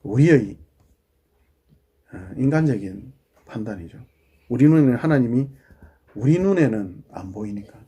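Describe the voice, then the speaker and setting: With a husky, medium-pitched voice and lively intonation, a middle-aged pastor preaches at a normal speed, pausing often. He speaks conversationally, questioning the congregation and lowering his voice for quiet asides.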